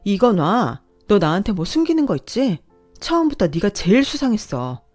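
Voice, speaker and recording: A woman's voice: mid-range voice, lively intonation, normal speed, dark tone, faint music behind, natural voice. Woman playing a pointed young daughter. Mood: accusing. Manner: pointed, insistent questioning. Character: the daughter narrator, a young married office worker, direct and suspicious. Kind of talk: scripted story reading.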